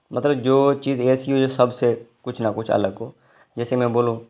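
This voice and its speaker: A man's voice: mid-range voice, gravelly. A man teaching English grammar in a recorded online lecture, explaining step by step and often checking in with his students. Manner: explains slowly, with frequent check-ins.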